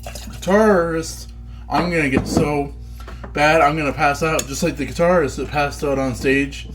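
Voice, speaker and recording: A man's voice: on the high side, fairly even intonation, moderate pace, music in the background. A man telling dad jokes in a casual, rambling, self-deprecating chat, like an amateur video host. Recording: noisy room with clinking dishes.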